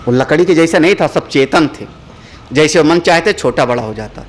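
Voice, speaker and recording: A man, a spiritual teacher, giving a religious discourse with animated storytelling. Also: a little high, moderate pace, slight background noise. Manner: animated storytelling, rising loud for dramatic moments.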